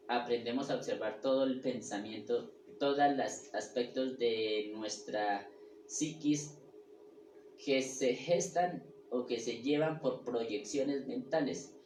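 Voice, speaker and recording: A man teaches a spiritual class in a halting, repetitive way, often pausing to check that his listeners follow. He sounds echoey and set back from the mic, with a faint hum of room ambience behind him. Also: mid-range voice, darkish tone, distant mic. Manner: halting, with restarts and repeated words. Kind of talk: lecture on the ego and personality.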